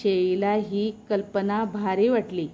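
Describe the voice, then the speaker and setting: A woman narrating a children's story, pausing to ask the young listeners questions. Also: medium pitch, flat delivery, slight background noise. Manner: warm asides to young listeners.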